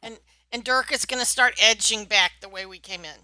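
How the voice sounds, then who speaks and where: A woman playing in a tabletop game, chatting casually with quick laughs. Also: a little high, sharp tone, dry recording. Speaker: player.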